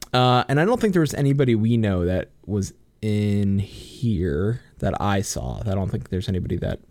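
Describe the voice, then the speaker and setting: Speaking at a moderate pace, the young co-host of a relaxed gaming podcast has a fairly low, darkish voice with lively intonation. He joins by voice call on a computer mic, yet the audio is studio quality with no echo. He giggles a lot, swears openly and uses lots of fillers.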